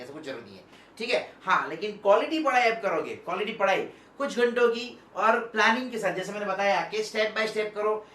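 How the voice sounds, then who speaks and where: A man giving a motivational talk to students. He is animated, moves between soft and loud speech on purpose, and keeps asking "okay?" to check in with his listeners. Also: high voice. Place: indoor room, standing and moving about. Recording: echoey room, mic at a distance.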